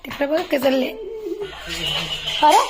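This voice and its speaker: A woman's voice: high-pitched, unhurried, music in the background. A woman hosting a casual home vlog, chatting to her viewers as a group and talking with her family as she goes. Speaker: vlog host.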